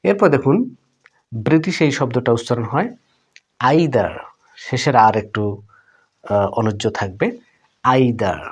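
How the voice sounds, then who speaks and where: A man, giving a pronunciation lesson and repeating each word slowly while addressing viewers as friends. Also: medium pitch. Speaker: English pronunciation teacher. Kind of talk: Bengali-language video lesson.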